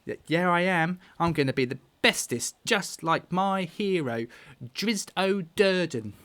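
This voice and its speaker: A man's voice: high voice, lively intonation, a little slow, a bit bright, voice pushed up. Man doing an eager boastful farm boy. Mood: excited. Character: excitable young farm boy, wannabe adventurer.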